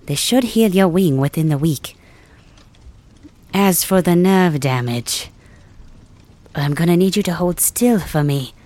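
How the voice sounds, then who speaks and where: A woman playing a gentle old village healer. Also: low-pitched. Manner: soft, soothing bedside murmur. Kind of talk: ASMR roleplay audio drama.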